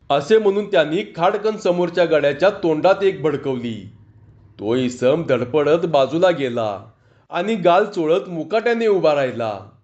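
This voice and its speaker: Guy telling a funny story out loud, slightly high voice, kinda muffled recording. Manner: expressive narration with acted dialogue. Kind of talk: Marathi story reading. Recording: dull lo-fi recording.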